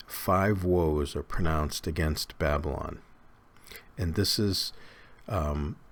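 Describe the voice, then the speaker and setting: Very deep-voiced man teaching Bible study. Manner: unhurried, conversational, with fillers and restarts.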